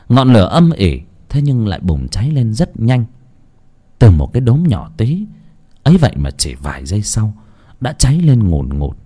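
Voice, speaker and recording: A man narrating a ghost story dramatically, with an expressive, swooping delivery. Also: mid-range voice.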